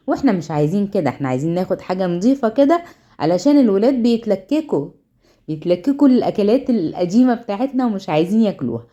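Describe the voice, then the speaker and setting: A woman's voice: mid-range voice, warm tone, muffled recording. An Egyptian woman hosting a home cooking tutorial, chatty and instructive, often repeating words for emphasis. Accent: Egyptian Arabic. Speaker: cooking channel host.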